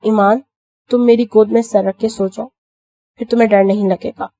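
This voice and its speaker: A protective young husband with a soft, teasing manner in a storybook reading, as a woman reads his lines. The voice is mellow and dark, recorded dry and close. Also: medium pitch, fairly even intonation, dry recording, lightly acted.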